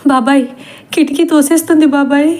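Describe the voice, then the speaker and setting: A woman's voice: a little high, fairly even intonation, moderate pace, warm tone, lightly acted. A woman voicing a frightened young woman who pleads in a trembling, tearful way in a storybook reading. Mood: terrified.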